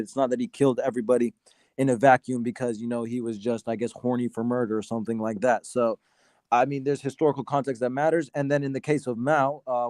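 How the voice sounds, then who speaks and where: A man's voice: medium pitch, a little mellow, dry recording. Hesitant man from Sudan debating. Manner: hesitant, many fillers and restarts. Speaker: debate guest. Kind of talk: casual debate.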